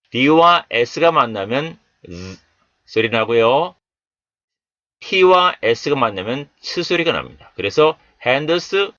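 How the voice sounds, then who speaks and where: A man teaching English Bible verses and pronunciation, saying each word slowly and more than once before explaining it. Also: mid-range voice, a bit bright, no echo. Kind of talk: slow, deliberate pronunciation lesson.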